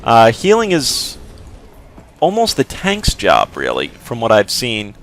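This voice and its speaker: A man with a mid-range, slightly bright voice speaks slowly, with huge swings in pitch. He casually commentates a game walkthrough, explaining as he plays in a rambling way full of fillers and hedges.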